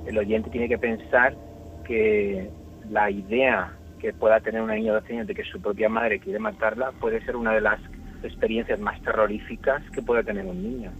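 Analytical male commentator, low voice, dull lo-fi clip. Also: moderate pace. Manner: analytical, explanatory.

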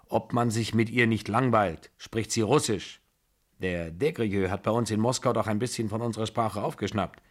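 A man's voice: fairly low pitch, moderate pace, natural voice. A man voicing a blunt, imperious rich old aunt of seventy-five who talks in a brusque, mocking way.

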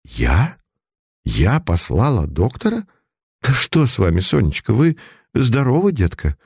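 Male narrator voicing a gentle middle-aged mother; low, mellow and soothing. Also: huge pitch swings, a little slow, breathy edge, no room sound, studio quality, heavily acted. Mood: bewildered. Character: middle-aged mother, calm then bewildered.

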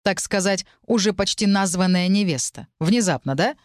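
A woman voicing a brooding young male necromancer student in an audiobook, with a hoarse, low-pitched voice. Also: moderate pace, no room sound, studio quality, lightly acted. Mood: tense. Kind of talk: audiobook character reading.

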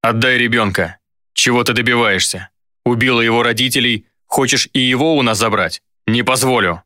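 A man's voice: medium pitch, a little fast, bright, forceful tone, no echo, studio quality, lightly acted. A man voicing a stern uncle who is harsh and accusing, with the command of an angry noble.

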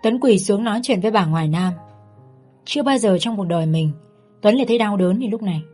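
A woman narrating a family drama story in a steady, heartfelt reading. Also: mid-range voice, fast. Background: faint background music.

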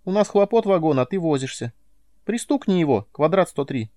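A shrill alien female who squeaks her scorn at everyone around her, as a male storyteller puts her on. The voice sits very high and pushes out loudly, and she is rude and impatient. It is recorded close and dry, with a dark undertone. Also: expressive, a little fast, no echo, close to an everyday voice.

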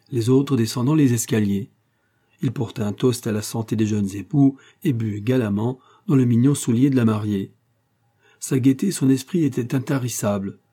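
A man reading a classic novella aloud in measured, even storytelling. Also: mid-range voice, breathy edge. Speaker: audiobook narrator. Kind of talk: scripted narration of a novella.

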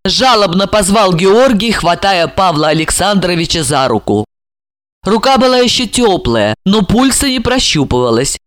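A man narrating an audiobook with expressive, lively storytelling. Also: high-pitched, moderate pace, no echo, clean studio sound.

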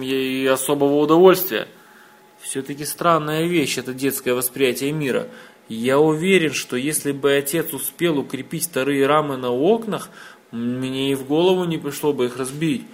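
Man narrating a story in first person. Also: mid-range voice. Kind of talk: audiobook narration.

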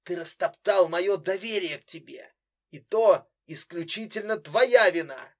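A man's voice: high voice, measured pace, voice pushed up. A man voicing a bitter, mocking young woman who coldly accuses her brother in an audiobook. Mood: accusing.

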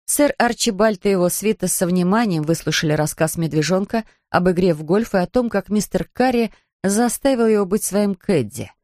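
A man reading a children's storybook aloud in a calm, measured way. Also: sits high, no room sound, studio quality. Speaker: narrator. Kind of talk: audiobook narration.

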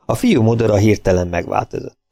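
A man's voice: fairly low pitch, vocal fry, warm tone, slight background noise. A man reading a first-person story aloud as an audiobook narrator.

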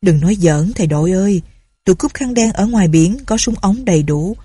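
A woman voicing an aloof young man of a landowning family, speaking in a measured, stern way. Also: mid-range voice, animated, warm tone, husky, dry recording.

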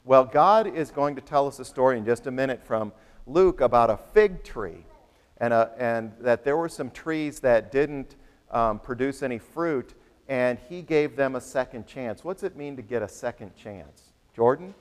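A man speaks in a big, reverberant hall, leading a children's sermon as a pastor would. He has a sweet, patient Sunday school manner, coaxing gently with simple questions and short phrases. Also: mid-range voice, expressive, normal speed, smooth.

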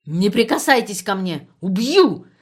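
A woman voicing a proud, humiliated German prisoner who speaks halting broken Russian. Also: medium pitch, fairly bright tone, natural voice. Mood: hysterical.

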